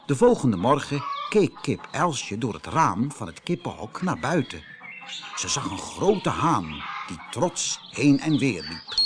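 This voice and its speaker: A man narrating a children's storybook with lively storytelling intonation. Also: medium pitch, background noise. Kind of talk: storybook reading.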